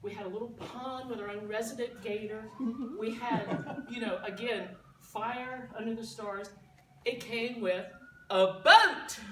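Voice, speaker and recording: A woman telling a lively, laughing story as a party guest giving a toast. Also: fairly high pitch, slight background noise. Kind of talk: storytelling speech. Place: party room. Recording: echoey room, distant mic.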